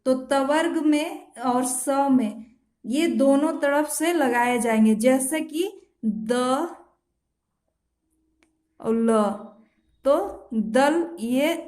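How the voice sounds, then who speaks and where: A woman's voice: high-pitched, very slow, long pauses, darkish tone. A woman teaching shorthand, explaining each rule patiently step by step and repeating her examples, now and then correcting herself. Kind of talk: step-by-step instructional lesson. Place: home.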